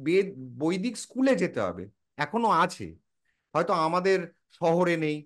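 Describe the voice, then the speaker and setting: Lively high-pitched man lecturing a friend. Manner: lecturing, answers his own rhetorical questions; informal, addresses listener as a close friend. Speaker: explainer in a casual chat. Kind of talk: casual explanatory chat.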